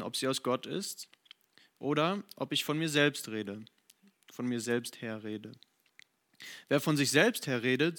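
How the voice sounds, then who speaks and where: A man reading as a calm, earnest teacher. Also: mid-range voice. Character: calm male teacher speaking with authority. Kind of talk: Bible reading.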